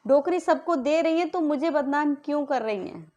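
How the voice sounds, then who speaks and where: Indignant high-voiced woman ranting. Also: normal speed, a little mellow, highs cut off. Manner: indignant, accusing, repeated rhetorical questions. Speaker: vlogger. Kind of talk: angry family-dispute rant to camera.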